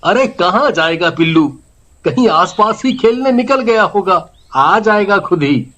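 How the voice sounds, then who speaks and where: A man voicing a teasing, easygoing young husband in an animated horror story. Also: sits high, heavily acted. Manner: teasing, laid-back, drawn-out.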